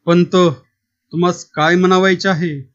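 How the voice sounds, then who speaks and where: A haughty, short-tempered government officer, as a man reads him in a storybook tale. His voice runs high and snappish. The recording is dull and lo-fi. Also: little pitch movement, normal speed, a bit bright. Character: irritable male government district officer.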